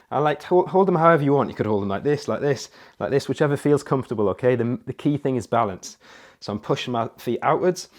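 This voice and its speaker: A man coaching a leg workout, demonstrating the moves and checking in with "right?" and "okay?" as he talks. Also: mid-range voice. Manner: counts reps aloud while exercising. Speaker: fitness coach. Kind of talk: exercise demonstration.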